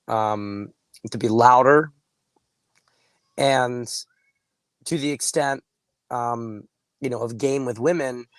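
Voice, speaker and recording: A man hoarse with laryngitis, sounding muffled, gives casual coaching advice in deliberate, emphatic phrases, now and then clearing his throat. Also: mid-range voice, no room sound. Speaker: dating coach and host. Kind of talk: casual straight-to-camera advice talk.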